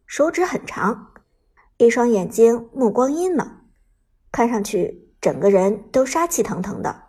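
A woman reads a serialized novel aloud in a steady, even storytelling manner. Her voice sits a little high for a woman, with a soft, breathy grain. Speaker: narrator. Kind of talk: audiobook novel narration.

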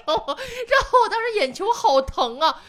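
A woman's voice: very high voice, big pitch swings, moderate pace, fairly bright tone. A woman comedian in a casual podcast chat, telling candid stories and often laughing. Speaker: stand-up comedian guest.

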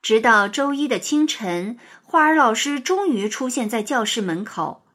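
A woman reading a children's picture-book story aloud. Her voice is fairly high and very animated, rising and falling in a sing-song storytelling way. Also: normal speed.

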